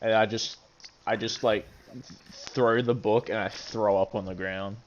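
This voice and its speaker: A man playing a tabletop game, talking casually and haltingly, on a dull, slightly noisy mic. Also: lowish voice, steady tone. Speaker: player.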